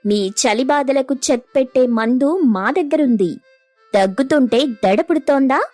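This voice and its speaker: A woman voicing a vain, talkative young daughter-in-law in an animated story, sassy and boastful. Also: sits high, unhurried, dry recording, faint music behind. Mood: hawking. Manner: sassy, boastful, loud hawking.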